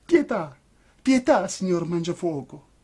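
A man voicing a small, frightened wooden puppet boy who talks in a shrill, pleading way. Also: lively intonation, unhurried.

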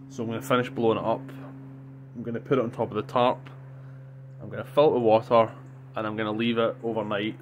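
A young adult man with a Scottish accent vlogs casually to camera, his medium-pitched voice a bit bright. He's recorded on a phone held at arm's length, with faint noise.

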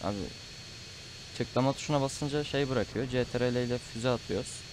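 A man's voice: mid-range voice, a little fast, background noise. Chatty man commenting a game. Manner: chatty, frustrated outbursts, calls the audience "abi". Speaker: gameplay commentator. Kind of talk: casual Let's Play commentary.

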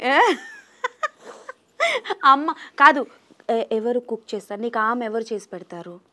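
A woman's voice: a little high, expressive, a little slow, bright, forceful tone. A woman interviewer in playful chat with a small child, asking teasing, coaxing, sing-song questions.

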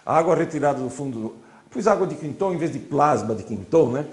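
A man's voice: a little high, animated, a little fast. A man giving an informal classroom lecture, chatty, constantly saying "look" as he points at slides. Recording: echoey lecture hall.

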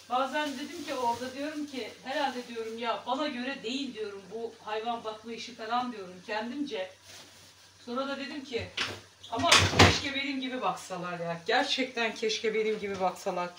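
A home cooking vlogger chats casually with her viewers while she cooks in her home kitchen, in a homely vlog style. Her voice is fairly high, and the recording has an echoey room, a distant mic, and background noise.

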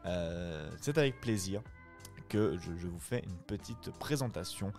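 A man's voice: deep voice, lively intonation, a little slow, a little mellow, soft background music. A man, chatting casually with his live viewers after a reading in a friendly, reflective way. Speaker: streamer and voice-acting reader.

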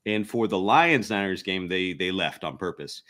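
A man's voice: low voice, lively intonation, moderate pace, pushed and bright. A man hosting a podcast in casual chat, rambling and poking fun at himself. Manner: rambling, self-deprecating, jokey. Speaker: podcast host.

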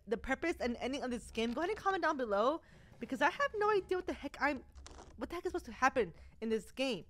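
A woman's voice: high voice, a bit bright. A young woman playing a horror game and talking to her viewers in a chatty way, with nervous laughs. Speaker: gaming YouTuber. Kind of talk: let's play commentary.

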